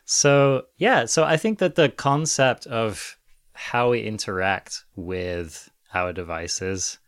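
A man with an English accent, chatting on a podcast in a low, easy voice. He keeps things relaxed and dry, with a wry touch. The sound is close and dry, with no room around it. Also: slow, clean tone, no echo. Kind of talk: casual conversation.

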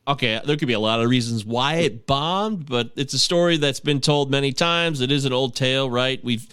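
A middle-aged man co-hosting a film podcast, chatting casually in a joking, animated way. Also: medium pitch, normal speed, clear, resonant tone, dry recording, clean studio sound. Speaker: podcast co-host. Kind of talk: casual chat.

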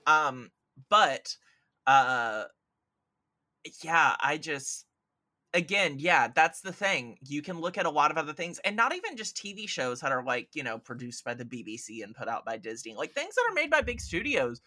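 A podcast guest who critiques films talks casually at a moderate pace in a slightly high, pushed, bright and very animated voice. Opinionated and emphatic, he lands sarcastic jabs and swears a bit, recorded in clean studio sound with no room sound.

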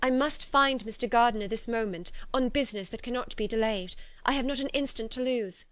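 A woman reading a frantic young gentlewoman. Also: fairly quick, no echo, close to an everyday voice. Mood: distraught. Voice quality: high, strained, breaking with agitation.

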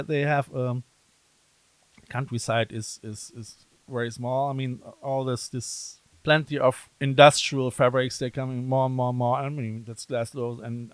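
A man's voice: mid-range voice, dry recording, rough recording. Guy hosting a podcast, keeps repeating words, laughs a lot, dry close mic. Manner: halting, repeats words, laughs while talking. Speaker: podcast host. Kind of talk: casual podcast conversation.

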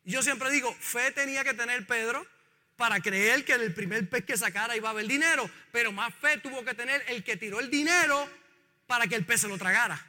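A man preaching a sermon as pastor, animated and drawing responses from the congregation. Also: extremely high pitch, a little fast, big-room sound. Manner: animated preaching, calls on the congregation to repeat lines.

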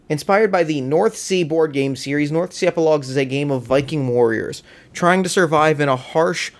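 A man with a somewhat high voice hosts a tabletop game podcast, chatting casually and eagerly, gushing and repeating over and over that he's excited. He has a cold and is losing his voice.

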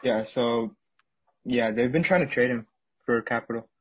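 A man's voice: mid-range voice, normal speed, slightly rough, highs cut off. A man hosting a casual sports podcast, chatting about football and often repeating words as he jumps in.

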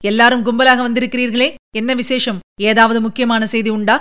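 A woman's voice: a little high, flat delivery, a little fast, a bit bright, smooth, natural voice. A woman reading a proud emperor, stately and commanding. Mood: impatient. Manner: stately, formal, pleading then insistent. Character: proud middle-aged male emperor, commanding. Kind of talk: audiobook character reading.

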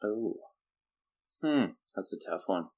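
Very low male voice, canadian guy, young adult, lively anecdote teller, chuckles a lot. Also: slow, gravelly. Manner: animated storyteller, laughs often, jumps into quoted voices. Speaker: podcast guest. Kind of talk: casual storytelling interview.

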